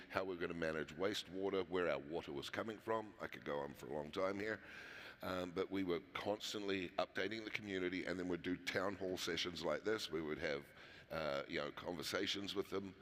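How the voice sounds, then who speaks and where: A low, fairly bright male voice moves briskly as a New Zealand company founder chats through a conference interview. Fillers and restarts come often in his conversational delivery, which echoes with long hall reverb.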